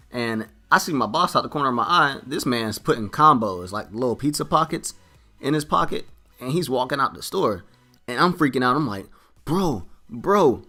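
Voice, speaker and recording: A young man in his late teens or early twenties, a vlogger telling a story casually and acting out what people said. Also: medium pitch. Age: young adult. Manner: animated, quoting himself and others in dialogue.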